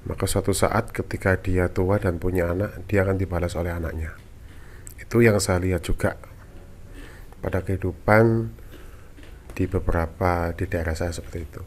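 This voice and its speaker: Audience questioner, man, very low voice, brisk plain delivery. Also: fairly even intonation, darkish tone, a little hiss or hum. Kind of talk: asking a question at a sermon.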